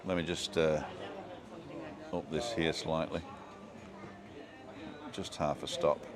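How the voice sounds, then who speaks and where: With a bass voice and a level tone, a man from Manchester takes his time as he chats through his casual live stream. He reads viewers' comments and answers them in his soft local accent.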